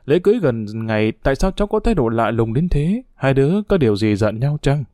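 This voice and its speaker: A man's voice: medium pitch, big pitch swings, fast talker, mellow, dry recording, studio quality, close to an everyday voice. A man voicing a worried, proper older aunt in a storybook reading. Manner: anxious, fretful questioning.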